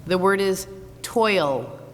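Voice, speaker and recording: A woman acting as a spelling bee pronouncer, reading each word in a formal, precise, even manner, in a large school hall. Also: mid-range voice. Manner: measured, even, precise diction. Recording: echoey hall, loud crowd noise.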